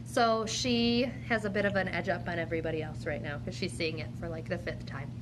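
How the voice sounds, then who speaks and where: A woman teacher with a fairly low, steady voice speaks briskly while demonstrating an interactive read-aloud. She addresses a child in an encouraging, questioning way, and clear background noise is audible in the recording.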